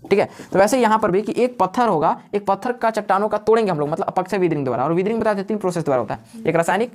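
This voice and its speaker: In a classroom full of students, a man gives a live lecture at a quick pace, his voice sitting high. Again and again he poses questions and then answers them himself, repeating the key words.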